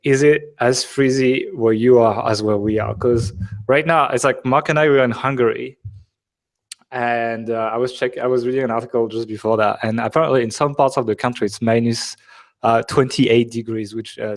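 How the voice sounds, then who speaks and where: A man with a French accent hosts a live online webinar in a relaxed, conversational way. He jokes with his co-hosts and fills his sentences with plenty of "uh"s and "like"s. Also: mid-range voice, normal speed. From France. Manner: chatty, joking, many fillers. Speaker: webinar host. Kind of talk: casual live webinar chat.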